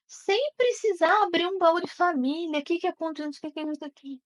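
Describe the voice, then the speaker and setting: With a very high voice and a fairly quick pace, a woman leads a live online class as a therapist. Her style is conversational, with frequent check-ins with the people listening.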